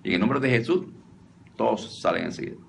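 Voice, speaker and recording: A low-pitched man gives a casual teaching on deliverance. He restarts his sentences often and keeps calling his listeners brother. A faint hiss sits behind his voice. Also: animated, a little fast, gravelly, fairly bright tone. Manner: repetitive, addresses listeners as brother, frequent restarts. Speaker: deliverance preacher. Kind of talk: conversational teaching at a conference.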